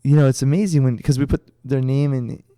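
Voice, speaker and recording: A middle-aged man chats on a podcast in a mellow, darker tone. He rambles through his story with plenty of restarts. The sound is dry and close. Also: mid-range voice, fairly even intonation, brisk, no room sound. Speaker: podcast co-host, karate instructor. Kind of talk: casual chat.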